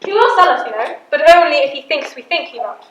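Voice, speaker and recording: Casting: female actor for older medieval queen, high-pitched, regal, wry manipulator in period drama, roomy sound. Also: animated, quick pace, a bit bright. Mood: wry, scheming. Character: proud, cunning older imprisoned queen and mother. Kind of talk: theatrical period drama monologue and dialogue. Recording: echoey room, audible background noise.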